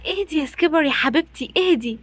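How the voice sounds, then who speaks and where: A woman voicing a calm young woman doll who soothes and reasons, with an Egyptian Arabic accent. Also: high-pitched, racing, dry recording. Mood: soothing.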